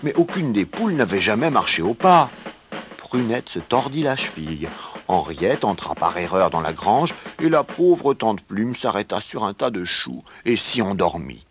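A man reading a children's story aloud in an expressive way. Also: fairly low pitch, breathy edge. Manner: slow, expressive read-aloud.

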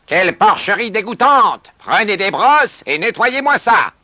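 A man voicing a harsh, bad-tempered thin farm owner who shouts orders in a storybook reading. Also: high-pitched, very animated, measured pace, no echo, pitched above the performer's own voice, heavily acted. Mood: furious.

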